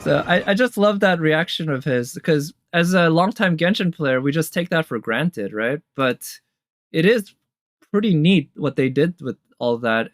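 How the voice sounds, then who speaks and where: With game trailer music in the background, a man with a mid-range voice reacts casually and eagerly as host of a tier list of game trailers. The sound is clean and studio-like, with no room sound, and he thinks out loud as he goes.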